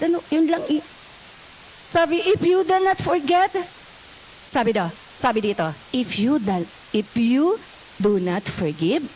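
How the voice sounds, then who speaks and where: A woman's voice: fairly high pitch, a little hiss or hum, poor audio. A woman pastor with a Filipino accent preaches a sermon in a church, switching between scripture read in English and Tagalog and asking the congregation questions.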